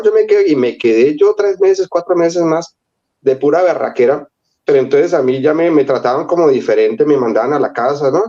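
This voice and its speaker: A man's voice: fairly high pitch, dull audio. A middle-aged Colombian man with a Colombian Spanish accent, telling a personal story in an interview and acting out the voices of the people in it. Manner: animated, acts out the voices of people in his story. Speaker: interview guest.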